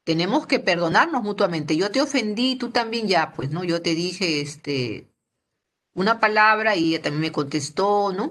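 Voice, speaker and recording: Lowish-voiced woman teaching scripture. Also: animated, moderate pace, a bit bright. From Peru. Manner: conversational, tags most sentences with a questioning "¿no?". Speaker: Bible school teacher. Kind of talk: Bible lesson for teenagers.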